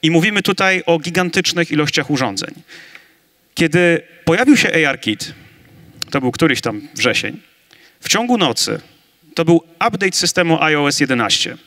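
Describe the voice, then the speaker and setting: Bright, energetic man debating on stage. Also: fairly high pitch, normal speed. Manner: energetic, emphatic, building to big claims. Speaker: conference debater on augmented reality. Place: large conference stage with audience. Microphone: handheld mic.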